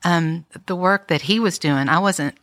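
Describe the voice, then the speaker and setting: Middle-aged woman, slightly low pitch, unhurried reflective podcast talk, dry mic. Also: fairly bright tone, no room sound. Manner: reflective, many fillers and restarts. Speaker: podcast co-host. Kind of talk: casual chat.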